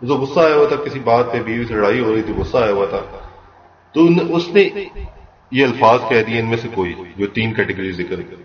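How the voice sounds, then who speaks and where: A man calmly teaching a religious law lesson, explaining step by step and repeating key points. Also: medium pitch. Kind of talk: explanatory lecture mixing Urdu and English terms. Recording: echoey, distant, dull lo-fi room recording.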